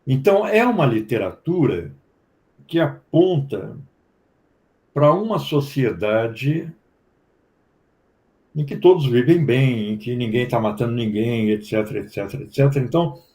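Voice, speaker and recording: Mellow Brazilian professor explaining. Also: male voice, mid-range voice, lively intonation, a little slow, pauses often. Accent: Brazilian Portuguese. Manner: explanatory, lecturing with tag questions. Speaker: professor leading a study group. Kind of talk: academic discussion.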